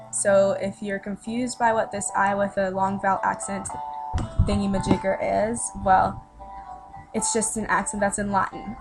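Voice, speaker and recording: This casual voice-over lesson comes from a teenage girl with a mid-range voice, who chats her way through each step using fillers. The recording is low quality, with music in the background.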